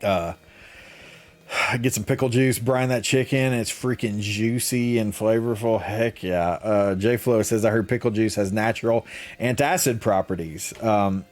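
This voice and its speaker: A man's voice: on the low side, steady tone, unhurried, soft background music. Chatty man hosting a casual podcast. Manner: laughs often, rambling with fillers. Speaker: podcast host. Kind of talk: casual chat reading chat comments.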